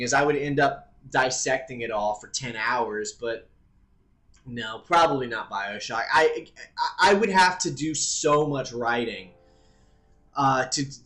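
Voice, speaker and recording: A man hosting a live stream, chatting casually and thinking out loud, with the odd swear word. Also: mid-range voice, measured pace, faint music behind.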